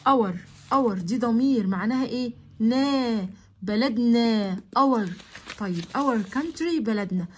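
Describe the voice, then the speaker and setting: A young woman with an Egyptian Arabic accent teaching children English, reading English words slowly and explaining quickly in Arabic. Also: fairly high pitch, lively intonation, slight background noise. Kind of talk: classroom lesson explaining English grammar.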